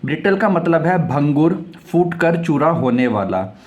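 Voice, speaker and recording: A man with a slightly raised pitch teaches English vocabulary in an explanatory way. He spells each word letter by letter, repeats it several times, and reads example sentences slowly. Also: animated, dull audio. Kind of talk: vocabulary lesson.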